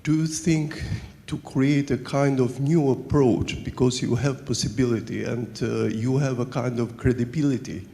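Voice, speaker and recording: A man from Albania, a journalist in the audience asking a halting, earnest question at a conference, on a handheld mic. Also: medium pitch, steady tone, gravelly, warm tone. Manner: halting, earnest, searching for words. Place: conference hall. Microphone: handheld microphone. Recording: long hall reverb.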